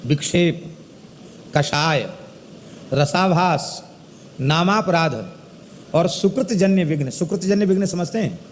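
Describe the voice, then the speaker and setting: A middle-aged spiritual teacher gives a religious discourse in a somewhat high voice, slowly chanting verses before explaining them with animated emphasis. A long hall echo colors the sound, sitting over faint background noise.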